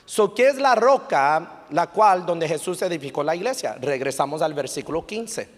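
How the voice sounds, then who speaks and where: High-voiced pastor preaching in a reverberant church. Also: male voice, moderate pace. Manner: animated storytelling with English fillers. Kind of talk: sermon. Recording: long reverb of a church hall.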